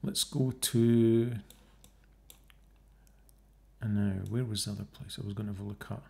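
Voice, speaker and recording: This man's voice is fairly low, creaky and mellow, with fairly even intonation and a slightly quick pace. Narrating a casual screen-share video of his own, he goes through the numbers out loud and scornfully ridicules the theory he's debunking.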